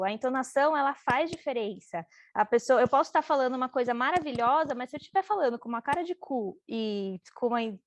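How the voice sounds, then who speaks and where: A woman's voice: fairly high pitch, background noise. A Brazilian woman leading a casual training workshop, chatty and informal, full of fillers and quoted asides. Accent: Brazilian Portuguese.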